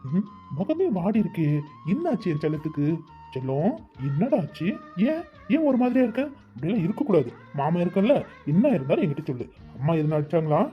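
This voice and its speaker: Sweet coaxing young lover, voice goes up and down a lot, kinda dull lo-fi audio. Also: male voice, a little high, sing-song, fairly quick, faint music behind. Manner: affectionate, coaxing. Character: doting young man courting his sweetheart. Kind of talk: cartoon voice acting.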